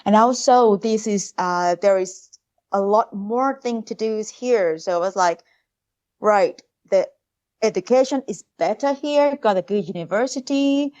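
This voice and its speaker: A young woman from Thailand with a Thai accent, speaking English as a second language as a food tour guide in a casual podcast interview, pausing often to search for words. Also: medium pitch, darkish tone, lo-fi sound. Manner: hesitant, searching for words, many fillers.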